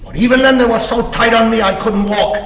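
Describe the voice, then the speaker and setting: A man's voice: very high-pitched, steady tone, fairly quick, fairly bright tone. A man acting a boastful, competitive self-made businessman in a stage comedy, bragging theatrically in long lists. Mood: self-pitying. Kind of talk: stage comedy cast recording. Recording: echoey theater with long reverb.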